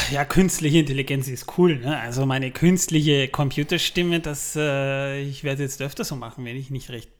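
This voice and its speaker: A man's voice: medium pitch, normal speed, few pauses, a bit bright. A man with an Austrian accent, co-hosting a podcast in a joking, rambling way full of fillers. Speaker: podcast co-host. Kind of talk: casual chat.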